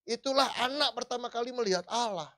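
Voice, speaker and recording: A man preaching a sermon in a church hall, conversational and lively, rising in emphasis. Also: very high voice, fairly quick.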